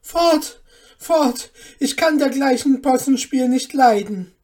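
A woman voicing an angry, frightened market mother who scolds and shouts in a read-aloud fairy tale. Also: high voice, slow, voice pushed up. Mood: angry scolding. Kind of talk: storybook reading.

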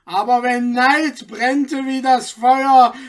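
Brief: hot-headed old soldier, loud, slow sneering rhymes, narrator voicing him. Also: high-pitched, steady tone, pitched above the performer's own voice. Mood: mocking. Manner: loud, rhyming, mocking. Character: wild hot-tempered old soldier man.

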